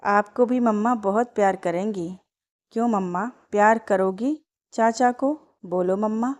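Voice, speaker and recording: A woman's voice: medium pitch, unhurried, darkish tone, lightly acted. A woman reading Mishti, a chatty little girl. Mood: curious.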